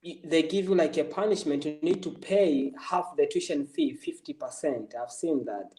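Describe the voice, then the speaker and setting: A man interviewing someone in a casual chat, halting and repeating phrases as he puts his questions. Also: a little high, warm tone. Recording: roomy echo, far from the mic.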